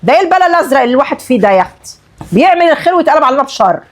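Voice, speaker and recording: A woman playing a harsh, rapid-fire Egyptian aunt. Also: high voice, very animated. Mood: scolding. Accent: Egyptian Arabic. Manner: scolding, sharp and indignant. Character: harsh aunt who raised her niece.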